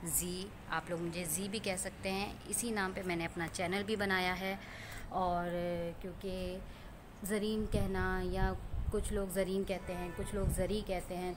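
A woman's voice: mid-range voice, background noise. Chatty woman vlogging from a rooftop. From Pakistan. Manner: chatty, storytelling, pointing things out to viewers. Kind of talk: casual vlog chat. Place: rooftop outdoors.

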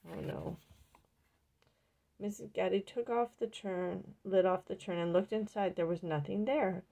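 Casting note: woman storyteller reading a picture book aloud, gravelly and creaky, mid pitch. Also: steady tone, normal speed, mellow.

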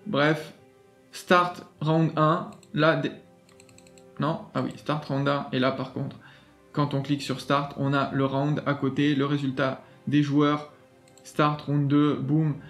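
Casual gaming host, male, slightly high voice, chatty and keen, faint music underneath. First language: French. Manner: chatty, enthusiastic, many fillers and restarts. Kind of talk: casual screen walkthrough.

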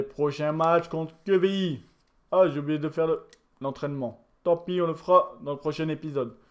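A tired man, commentating his football video game casually and excitably, shouting at the referee. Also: on the high side. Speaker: gaming YouTuber.

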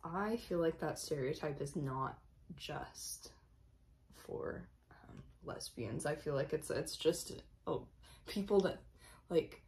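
Young woman, gravelly low voice, laid-back teasing guest in a casual chat. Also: slow, a little mellow, a little hiss or hum. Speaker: guest, host's wife.

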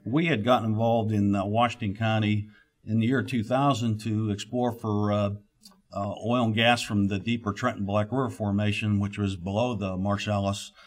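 Halting middle-aged man giving a keynote. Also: on the low side, fairly even intonation. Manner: halting, frequent "uh" fillers and restarts. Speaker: keynote speaker, exploration geologist. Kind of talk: conference keynote talk. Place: conference room, at a podium. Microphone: podium microphone.

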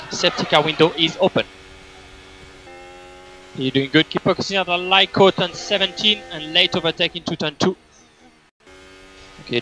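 Bright-voiced male race engineer on car radio. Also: on the high side, rough recording. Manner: terse, repetitive, clipped instructions. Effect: team radio transmission.

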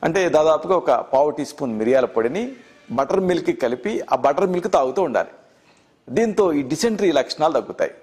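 A middle-aged Telugu-accented man with a slightly raised voice, teaching health tips as a doctor. He lists remedies in a measured, steady way, repeating phrases as he goes. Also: fairly high pitch. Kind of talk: instructional health talk.

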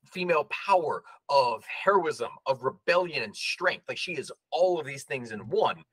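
A man's voice: on the high side, lively intonation, normal speed, fairly bright tone, husky, no room sound, rough recording. A man co-hosting a casual history podcast, explaining at length with firm opinions. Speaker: podcast co-host.

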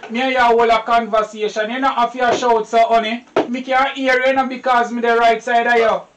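A Jamaican actress playing a meek, henpecked boyfriend who pleads softly in patois. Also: female voice, a little high, flat delivery, fairly quick, close to an everyday voice. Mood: pleading. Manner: pleading, soothing. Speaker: actress in a low-budget film. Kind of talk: Jamaican film acting in patois. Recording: distant mic with faint noise.

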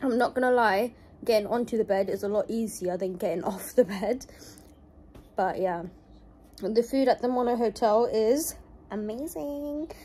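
A woman's voice: a little high, normal speed, dark tone, a little hiss or hum. A young woman vlogging while recovering from surgery, talking to viewers with a shaky, pained voice. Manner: chatty, talks to viewers. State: shaky voice, in pain. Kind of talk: casual vlog.

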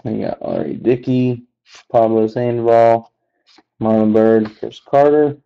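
A man slowly calling out the names on each card as he opens packs, adding relaxed asides. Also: medium pitch, creaky, clear, resonant tone, dull audio. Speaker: card box breaker. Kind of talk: unscripted card-opening commentary.

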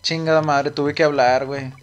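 A young man with a Mexican accent talks loosely while he streams a game. His voice sits a little high, and he rambles with plenty of swearing and "güey" in nearly every line. Faint game music plays underneath. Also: little pitch movement, moderate pace. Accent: Mexican Spanish. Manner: rambling, profane, says "güey" constantly. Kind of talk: casual chat while gaming on a live stream.

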